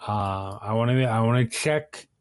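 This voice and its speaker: A man running a tabletop game as game master, explaining the map in a deliberate way. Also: on the low side, dry recording, clean studio sound.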